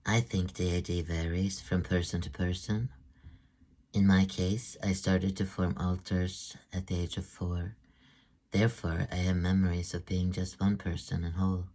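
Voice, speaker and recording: A middle-aged man from Sweden, an author reading out a book presentation in a measured, even way. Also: sits low. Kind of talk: read-aloud book presentation.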